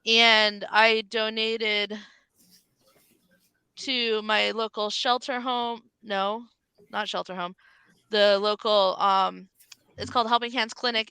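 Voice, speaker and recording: A woman's voice: mid-range voice, sharp tone, clean tone, dry recording, rough recording. A woman talking casually as a guest on a podcast. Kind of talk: casual chat.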